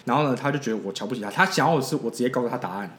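A fast-talking man rambles through stories on a casual podcast, often laughing at his own tales. His voice sits at an ordinary pitch. The room around him is noticeably echoey. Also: expressive, a bit bright. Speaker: podcast host.

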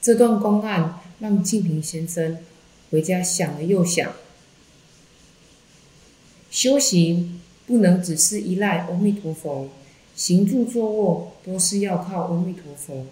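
Calm Buddhist nun reading, echoey room. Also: female voice, fairly low pitch, takes it slowly. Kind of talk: reading a Buddhist text aloud.

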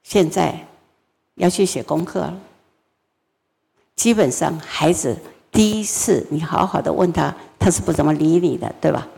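Gravelly older woman teaching. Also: sits low, unhurried, long pauses, in a large hall. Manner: lively, acts out family scenes. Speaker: guest teacher.

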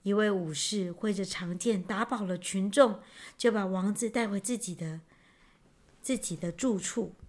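A woman narrating a children's story in an animated, expressive storytelling manner. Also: mid-range voice, unhurried.

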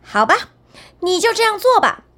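Two smug young brothers from a children's tale, sneering at their younger sibling, as a woman storyteller puts them on. They sound high and bright, with a mocking lift in their tone. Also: big pitch swings, normal speed, heavily acted.

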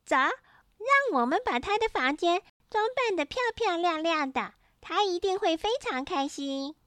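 An eager little sister bunny from a storybook, as a woman puts her on. She calls out high and excited in a lively, dry reading. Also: brisk, no room sound. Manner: loud and eager. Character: excited young girl rabbit sister.

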